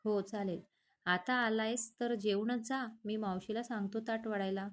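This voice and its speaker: A woman voicing a young male psychiatrist, calm but curt and protective, in a read-aloud storybook. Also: medium pitch, normal speed, natural voice. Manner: curt, scolding.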